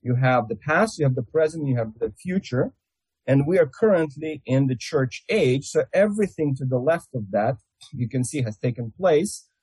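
A man's voice: medium pitch, expressive, moderate pace, darkish tone, husky, rough recording. A man with a Russian accent giving a theology lecture as a Bible teacher, explaining things step by step.

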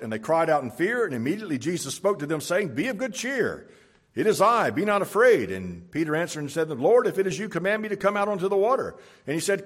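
Man, pastor, sermon, husky, slightly high voice, emphatic scripture reading. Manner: reads scripture aloud with emphatic rises. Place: church sanctuary.

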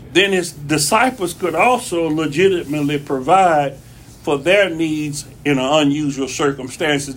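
Male pastor, folksy conversational sermon, slightly raised pitch. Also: fairly bright tone, a little hiss or hum. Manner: folksy, repeats phrases for emphasis. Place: church.

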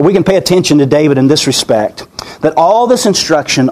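A man's voice: mid-range voice, a little mellow. A man preaching a sermon in an earnest way, often repeating and restarting his words, his voice weak and worn.

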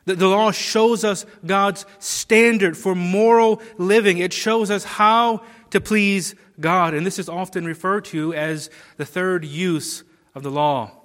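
A man delivers an expository sermon at an unhurried, measured pace, his voice sitting a little high. He stresses key phrases with rises and drops. The sound carries the long reverb of a large hall. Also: steady tone, a bit bright. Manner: slow, deliberate preaching with emphatic rises and falls. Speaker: preacher.

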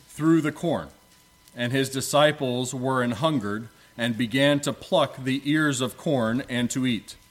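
A man leading prayer and reading scripture from a pulpit microphone in a church, in a solemn, measured way with archaic biblical wording. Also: mid-range voice. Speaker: preacher.

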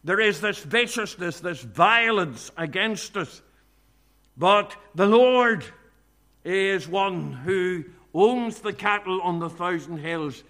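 A man preaching a sermon at a church meeting, earnest and measured, often quoting scripture. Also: high voice, expressive, bright, forceful tone.

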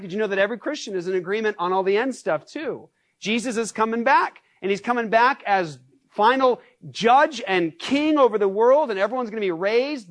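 Pastor, male, animated sermon delivery with rhetorical questions, dry sound. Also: high voice, no room sound. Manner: acts out shouted scenes.

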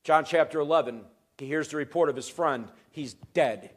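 A pastor delivers a sermon in a fairly high male voice. He pushes phrases up loud and emphatic, then lets them fall quiet and low. The preaching is earnest and emphatic throughout. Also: normal speed.

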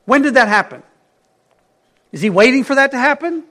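A man preaching a sermon, stressing key words loudly and dropping to hushed phrases, asking his congregation questions. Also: extremely high pitch, expressive, normal speed. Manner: emphatic, swings between loud stresses and hushed phrases.

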